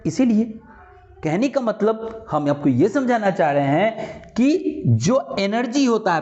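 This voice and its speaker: High-voiced teacher, playful. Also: male voice, a little mellow, echoey room. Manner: playful, acts out little scenes and voices. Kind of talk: explanatory lecture. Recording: dull lo-fi recording.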